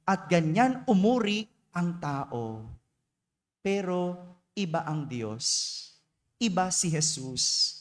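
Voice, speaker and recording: Filipino priest preaching in reverberant church. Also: male voice, high voice. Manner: playful, teasing rhetorical questions. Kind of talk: homily at Mass.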